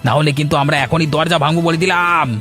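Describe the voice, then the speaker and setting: A man's voice: fairly high pitch, little pitch movement, fast talker, bright, forceful tone, faint music behind. A man voicing a hot-headed, loyal village fellow in a cartoon, speaking in an emphatic, dramatic way. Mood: angry. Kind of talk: Bengali cartoon voice acting.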